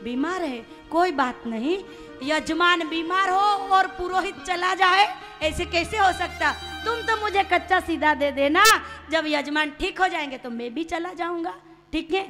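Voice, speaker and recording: A woman's voice: very high-pitched, measured pace, pushed and bright, long reverb tail, faint music behind, full character voice. A woman voicing a male god disguised as a begging priest, who calls out blessings in a chanting tone and stays patient and playful.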